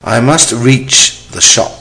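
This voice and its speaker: A man reading a dictation exercise, saying each phrase three times in a measured, deliberate way and speaking the punctuation aloud. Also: mid-range voice, animated, pushed and bright. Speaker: dictation reader. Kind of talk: slow repeated dictation with spoken punctuation.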